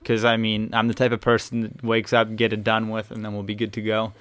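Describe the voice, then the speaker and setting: A man's voice: fairly low pitch, completely flat delivery, brisk, fairly bright tone. A young man co-hosting a casual podcast in a small studio, rambling eagerly through long explanations. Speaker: podcast co-host. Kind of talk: casual chat.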